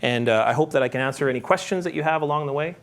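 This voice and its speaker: A man giving a public talk, chatty and animated, asking his audience questions as he tells a story. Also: a little high, racing. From Canada. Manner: conversational, asks the audience, animated when telling stories. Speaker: guest speaker. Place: conference hall.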